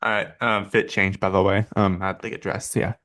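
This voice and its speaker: Male vlogger, a bit low-pitched, casual and hesitant, restarting sentences often. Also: little pitch movement, brisk, bright, forceful tone. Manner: rambling, hesitant, many fillers and restarts. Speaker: channel host rating paint schemes. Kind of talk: casual reaction commentary.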